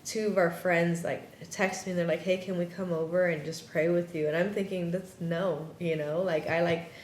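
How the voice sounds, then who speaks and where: A woman recounting a personal story to an interviewer, her voice sitting a little low. She slips in and out of quoted dialogue with animated shifts. The room echoes around her over a faint low rumble. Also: normal speed. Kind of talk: personal story told in conversation. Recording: roomy echo with faint rumble.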